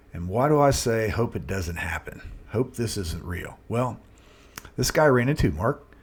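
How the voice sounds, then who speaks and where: Older man, low husky voice, folksy rambling market commentator who pokes fun at himself. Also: darkish tone. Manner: folksy, rambling, self-deprecating. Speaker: investment video host. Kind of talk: casual market commentary with storytelling.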